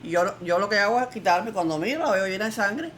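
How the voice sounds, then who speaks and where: A woman's voice: medium pitch, lively intonation, fast talker, fairly bright tone, a little hiss or hum. An older woman with a Cuban accent giving an emphatic, defiant testimony in an interview. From Cuba. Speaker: interviewee, former political prisoner.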